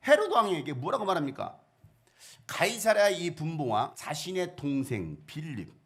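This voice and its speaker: A man's voice: sits high, creaky. A middle-aged man preaching a sermon as pastor, asking the congregation questions and acting out the voices in the story. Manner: animated, acts out quoted voices, asks the congregation questions.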